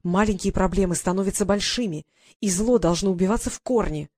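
A woman's voice: medium pitch, brisk, a little mellow, no room sound, clean studio sound, lightly acted. A woman voicing a devoted, bloodthirsty female servant who talks insistently and with heat. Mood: insistent, hateful. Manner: insistent, heated.

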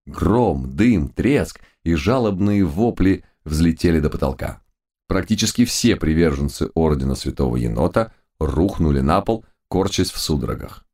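Very deep-voiced male audiobook narrator. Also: a little mellow. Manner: wry, ironic storytelling. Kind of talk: first-person scripted narration.

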